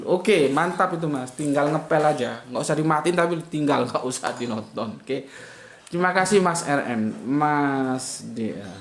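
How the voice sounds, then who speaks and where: A man hosts a relaxed religious livestream, reading out viewer comments. He talks casually, slipping in teasing jokes and little chuckles. The voice sits in the middle of his range and rings in a roomy, echoey space. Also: medium pitch. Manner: joking, chuckles often, teasing asides. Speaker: online religious talk host. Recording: echoey room.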